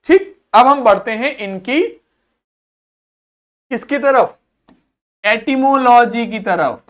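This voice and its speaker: This is a male teacher running a pronunciation drill in class, speaking slowly and deliberately. He says each word several times over and keeps asking the students to repeat it, with patient quizzing questions. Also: very high voice, expressive, fairly bright tone. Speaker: English vocabulary teacher.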